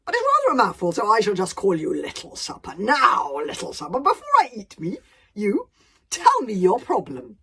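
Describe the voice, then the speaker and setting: A woman voicing a huge, sly, philosophical male dragon who talks slowly and theatrically, with cheerful menace. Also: medium pitch, wildly swooping pitch, bright, forceful tone, husky, exaggerated voice. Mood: grand.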